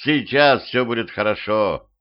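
A man voicing a confident middle-aged colonel with a brisk, commanding manner. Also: mid-range voice, clean tone, lo-fi sound, close to an everyday voice.

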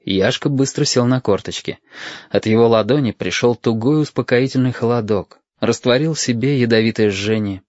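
A man reads a story aloud at a measured pace, with expression. His voice has a middle pitch. The recording is dry, with no room sound, and slightly muffled. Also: dry recording. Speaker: audiobook narrator. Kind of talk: scripted narration. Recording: dull, dry lo-fi audio.

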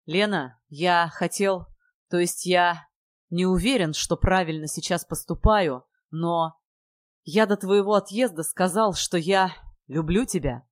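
A woman's voice: on the low side, unhurried, no room sound, studio quality, natural voice. A woman voicing a hesitant, irritable young male student in love. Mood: strained. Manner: hesitant, faltering.

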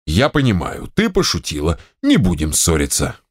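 A man's voice: low-pitched, huge pitch swings, normal speed, slightly rough, pitched below the performer's own voice, exaggerated voice. A man reading a story, voicing a grumbling, hot-tempered retired general who blusters and exclaims. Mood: blustering.

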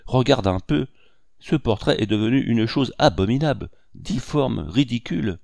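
A man voicing a proud, cold wife in an audiobook, speaking in a sharp, commanding way. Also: mid-range voice, lively intonation, normal speed, creaky, dry recording, studio quality. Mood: indignant.

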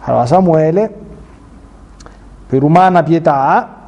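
A man's voice: a little high, expressive, a little slow, a little mellow, lo-fi sound. Man teaching catechism. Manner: colloquial, joking asides to listeners. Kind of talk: bible reading with commentary.

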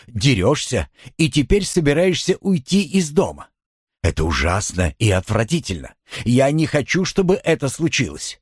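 A man voicing a calculating middle-aged husband in an audiobook, pleading in a measured, persuasive way. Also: mid-range voice, slightly rough, no room sound, studio quality, pitched above the performer's own voice. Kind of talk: audiobook character voice.

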